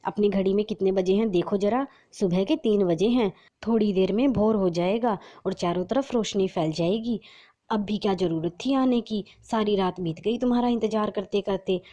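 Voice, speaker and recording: A woman's voice: medium pitch, normal speed, mellow, close to an everyday voice. A woman voicing a scheming young daughter-in-law with an impatient, scolding manner. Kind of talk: storybook narration.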